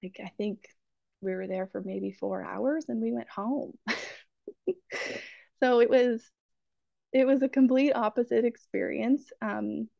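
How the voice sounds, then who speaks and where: A woman's voice: a little high, steady tone, measured pace, gravelly, pauses often, no room sound, muffled recording. A young woman guest on a podcast interview, recounting her birth story in a reflective, rambling way with fillers and light laughs.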